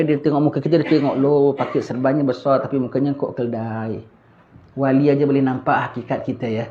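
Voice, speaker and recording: A man from Singapore, a religious teacher giving an earnest, expressive lecture. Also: mid-range voice, a little hiss or hum. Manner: earnest, expressive preaching with acted-out asides. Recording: dull lo-fi recording.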